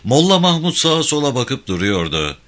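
A man reading a war story aloud as narrator, in steady, dramatic scripted narration. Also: mid-range voice, normal speed.

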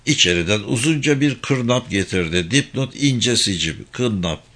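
A man narrating a story aloud in a steady storybook manner, adding short footnote asides. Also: mid-range voice, a little slow.

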